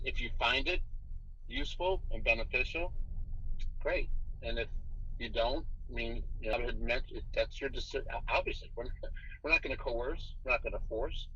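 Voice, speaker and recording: Forceful bright guy voice, reassuring elder talk, halting, muffled secret recording w faint noise. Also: medium pitch, animated. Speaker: congregation elder. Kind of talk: earnest, reassuring private meeting talk. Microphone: hidden recorder. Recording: dull covert recording, faint background noise.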